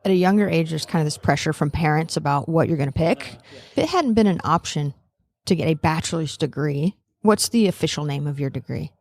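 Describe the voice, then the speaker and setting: A woman host with a low, deep voice puts quick, direct questions to her guest. The sound is dry and close, with no room around it. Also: animated, darkish tone, dry recording. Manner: direct, presses with follow-up questions. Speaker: podcast host. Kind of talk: interview questions.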